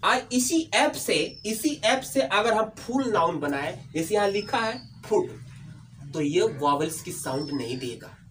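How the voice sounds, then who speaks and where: Lively-voiced male teacher explaining grammar. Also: high voice, takes it slowly. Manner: asks questions and answers them himself, repeats key points; addresses students fondly as "my dear". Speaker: English teacher. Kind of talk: classroom-style grammar lecture. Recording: voice from a distance, faint background noise.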